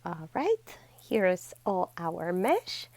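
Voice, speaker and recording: Faint music plays behind a woman with a lowish voice who hosts a DIY craft channel. Speaking slowly, she gives steady step-by-step tutorial instructions, chatting effusively and warmly calling her viewers "besties."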